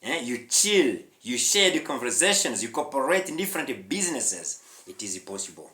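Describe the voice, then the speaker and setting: With a Rwandan accent, a man from Rwanda leads an online English lesson aimed straight at his viewers, emphatic, repetitive and punctuated by brief questioning interjections. His mid-range voice is very animated, pushed and bright, at normal speed. It's recorded in an echoey room.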